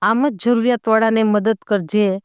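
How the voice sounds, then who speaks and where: A warm-hearted elderly neighbor played by a woman storyteller reassuring a small child in an audio story. Her tone is tender and unhurried, with a smooth, clear voice recorded close and dry. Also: a little high, steady tone, no room sound, close to an everyday voice.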